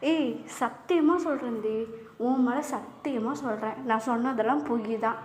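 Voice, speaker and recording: Young man figure, calm teasing boyfriend, soft-spoken in a told story, voice sits high, as a woman puts him on. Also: moderate pace, close to an everyday voice. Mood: tender. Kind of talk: spoken fan-fiction storytelling.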